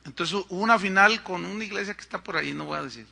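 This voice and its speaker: A middle-aged man with a Mexican accent preaching a sermon, telling stories in an animated way and acting out the people in them. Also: sits high, rapid-fire, gravelly. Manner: animated storytelling with acted-out quotes. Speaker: pastor.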